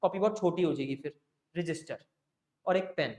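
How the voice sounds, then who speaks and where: A man teaches an accounting class, walking students through the basics in a coaxing way and checking often that they're following. His voice is on the high side and a little mellow, at a moderate pace. The room has a roomy echo.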